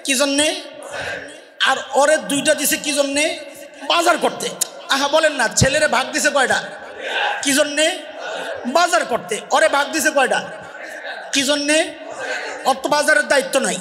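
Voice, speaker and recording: A male preacher gives a loud waz sermon. He quizzes the crowd and has them shout the answers back. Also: very high-pitched, a little slow, long pauses. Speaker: Islamic preacher. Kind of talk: Bengali waz sermon with call-and-response. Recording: long echoey reverb of a big space.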